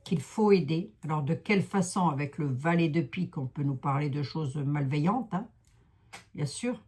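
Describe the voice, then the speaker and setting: This psychic card reader speaks in a deep, expressive voice at a moderate pace, a little mellow and slightly rough, with a Lorraine French accent. She reads tarot on a casual livestream, chatting to her viewers and joking at her own expense.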